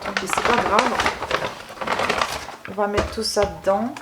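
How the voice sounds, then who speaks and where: A woman unboxing beauty products at home in a casual vlog, gushing over each item and pausing often with filler sounds. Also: mid-range voice, fairly even intonation, echoey room, heavy background noise. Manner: gushing, keeps saying she loves it; hesitant, many filler sounds. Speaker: beauty vlogger.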